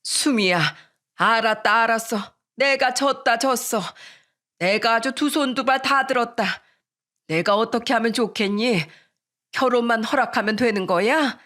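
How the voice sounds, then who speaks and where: A woman voicing a stubborn, dramatic middle-aged mother in a radio story, scolding and wailing in a drawn-out way. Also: on the high side, fairly bright tone. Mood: yielding. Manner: exasperated wailing, drawn-out complaints.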